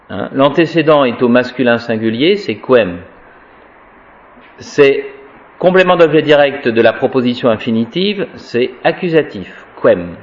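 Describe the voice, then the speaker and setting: A man teaches Latin grammar at an unhurried pace. He talks in a wry, chatty way and recites declension forms aloud as drills. The recording sounds dull and lo-fi. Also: medium pitch. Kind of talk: informal Latin grammar lesson.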